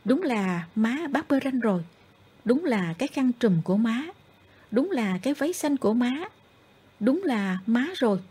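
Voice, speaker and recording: A woman reading a story aloud in a gentle, expressive way, over soft background music. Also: on the high side, normal speed, slightly rough. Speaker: audiobook narrator. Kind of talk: storybook narration.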